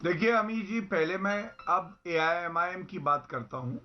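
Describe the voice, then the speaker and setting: A man on a heated TV debate panel, with a high-set voice that comes through a dull, muffled feed. He mocks and taunts his rivals, trading barbs over their interruptions. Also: expressive, measured pace. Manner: mocking and taunting, tells jokes at opponents. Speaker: party spokesperson on a debate panel.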